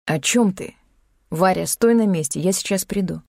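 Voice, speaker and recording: A woman's voice: lowish voice, normal speed, gravelly, a little mellow, dry recording, studio quality. A woman reading an audiobook, voicing a nervous man who speaks in clipped, urgent phrases. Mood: worried urgent.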